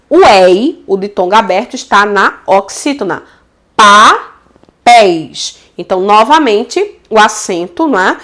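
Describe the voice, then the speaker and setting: Lively Brazilian woman teaching grammar. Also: mid-range voice. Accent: Brazilian Portuguese. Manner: lively and affectionate, checks in with frequent "tá certo?"; stretches out example words slowly. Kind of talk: casual video lesson.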